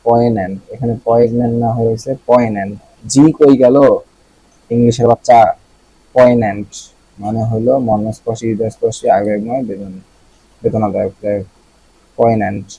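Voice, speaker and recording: Husky-voiced Bangladeshi man teaching words. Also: mid-range voice, dark tone, rough recording. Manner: casual, repeats words, asks the listener questions. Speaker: vocabulary teacher. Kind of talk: explaining vocabulary.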